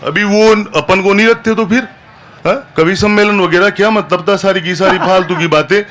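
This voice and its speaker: A man's voice: high voice, steady tone, normal speed, fairly bright tone, a little hiss or hum. A man, a comic poet reciting live on a festival stage, chatty and always asking the crowd "haan?". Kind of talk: live stand-up poetry recital.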